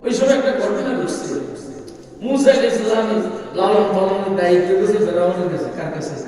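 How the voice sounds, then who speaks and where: A man's voice: sits high, expressive, a little fast, dark tone. An older man from Bangladesh preaching a fiery sermon, who keeps firing rhetorical questions at the crowd. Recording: echoey hall, voice from far off.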